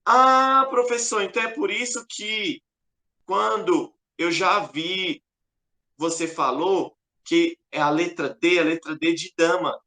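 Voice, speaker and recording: A man's voice: high voice, takes it slowly, bright, forceful tone, heavily acted. A man voicing an eager young chess student asking the teacher a question. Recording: echoey room.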